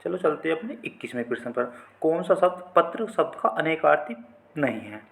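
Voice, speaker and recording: A man's voice: fairly high pitch, big pitch swings, a little fast, gravelly. A man teaching an exam-prep vocabulary quiz in a chatty, repetitive way, often calling his viewers friends.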